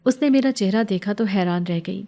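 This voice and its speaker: A woman narrating a first-person horror story in a steady, sorrowful storytelling manner. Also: mid-range voice.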